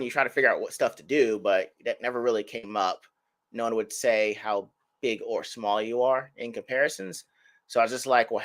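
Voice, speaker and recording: A man in his thirties chatting on a podcast, his voice sitting at an everyday middle pitch. He rambles through self-mocking stories with loose restarts and asides. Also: pushed and bright. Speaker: podcast co-host. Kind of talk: casual chat.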